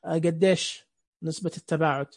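Husky-voiced man teaching screen reader settings. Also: on the high side, steady tone, fairly quick. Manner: explains step by step, asks the listeners questions. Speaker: instructor. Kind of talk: screen reader software tutorial.

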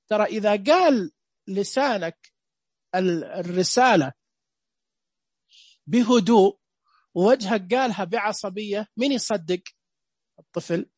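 A man giving a lecture, animated and often asking his audience rhetorical questions. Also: high voice, husky, no echo.

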